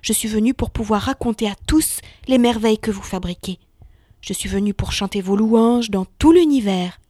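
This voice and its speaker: A woman voicing a small, clever young boy god who speaks with polite, elaborate flattery in a children's audio story. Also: mid-range voice, normal speed, no room sound, clean studio sound, natural voice. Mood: flattering. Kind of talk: storybook character voice.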